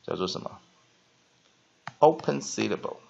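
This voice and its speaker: Man, vocabulary teacher, step-by-step explaining, lively pitch, gravelly, dull lo-fi sound. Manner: explains step by step, spells words out, frequent drawn-out "ah". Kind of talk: whiteboard vocabulary lesson. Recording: dull lo-fi recording.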